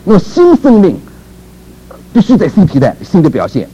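Lively lo-fi male preacher. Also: sits high, moderate pace, breathy edge. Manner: conversational, asks rhetorical questions, chuckles, repeats words. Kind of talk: sermon.

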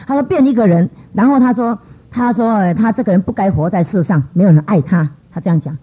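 This church speaker talks quickly in a husky voice, telling her testimony with energy and doing small voices for the people in it, with sharp pitch jumps. The sound is muffled and lo-fi.

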